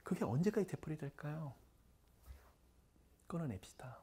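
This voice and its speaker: A man's voice: mid-range voice, lively intonation, moderate pace, mellow, slight background noise. A middle-aged man, a pastor, preaching conversationally and often dropping to a whisper. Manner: conversational preaching, many asides; drops to breathy whispers. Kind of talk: sermon.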